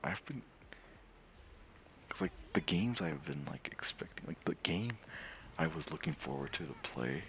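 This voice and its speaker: A man with a very deep voice and a gravelly fry chats loosely to his viewers, piling up fillers and laughing as he goes. His delivery swings up and down in pitch, and the tone stays bright even when he drops into soft, near-whispered asides. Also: a little hiss or hum. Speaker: streamer and gamer. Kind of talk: casual rambling monologue.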